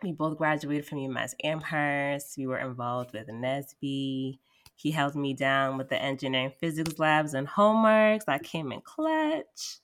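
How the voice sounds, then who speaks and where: A woman's voice: sits low, a little slow. A young woman hosting an interview podcast in an upbeat, encouraging manner. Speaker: podcast host.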